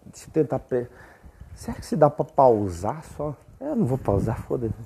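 A young man hosting a casual rambling monologue, profane and self-mocking, often breaking into high squeaky exclamations. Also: big pitch swings, normal speed, gravelly, dark tone, slight background noise. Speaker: podcast host.

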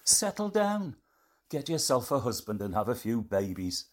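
A man's voice: mid-range voice, very animated, normal speed, natural voice. A man playing a lecturing careers advisor. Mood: condescending. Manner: lecturing, belittling. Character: blunt dismissive male careers advisor.

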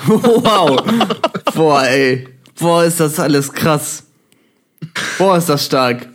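A man's voice: fairly high pitch, steady tone, slow, fairly bright tone. A man co-hosting a podcast in casual chat, reacting with astonished exclamations. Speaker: podcast co-host.

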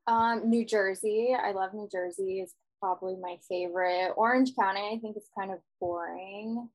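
A woman's voice: mid-range voice, fairly even intonation, normal speed, low-quality recording. Enthusiastic woman podcast guest. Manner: enthusiastic, storytelling with quoted voices. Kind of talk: casual podcast chat.

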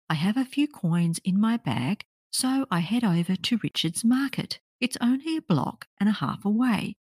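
A woman podcast host telling a true crime story in the first person, with soft, measured storytelling that at times drops to a whisper. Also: fairly low pitch, breathy edge, no room sound, clean studio sound.

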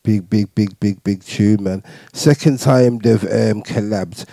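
A man's voice: on the low side, slow pace, vocal fry, warm tone, no echo, clean studio sound. A man with a London accent presenting a music show casually, slangy and repeating words for emphasis. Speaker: radio show host. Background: faint music.

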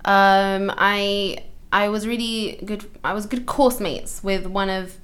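A woman's voice: medium pitch, fairly even intonation, takes it slowly, fairly bright tone. Hesitant young woman, casual chat. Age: young adult. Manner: hesitant, many ums and restarts, laughs often. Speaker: guest. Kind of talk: casual conversation.

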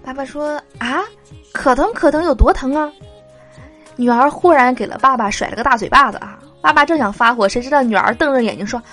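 A woman hosting a podcast, reading jokes aloud in a casual, lively way and laughing at her own punchlines. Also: fairly high pitch, quick pace, few pauses, soft background music. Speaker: podcast host telling jokes.

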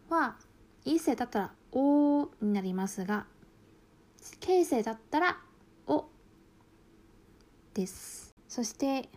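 Female language teacher, slow and measured, fairly high voice, stresses the example words. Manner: calm explanations, with words spoken slowly and stressed high. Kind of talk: language lesson explaining Mandarin to Japanese learners.

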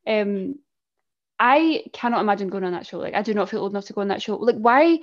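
A young Scottish woman in her twenties co-hosting a podcast, chatty and sarcastic, quick to laugh. The sound is a little muffled and dull. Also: mid-range voice, lively intonation. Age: 20s. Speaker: podcast co-host. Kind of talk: casual chat.

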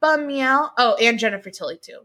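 Bright, animated woman in casual chat. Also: on the high side, fairly quick. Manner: animated, exasperated, laughs often, swears.

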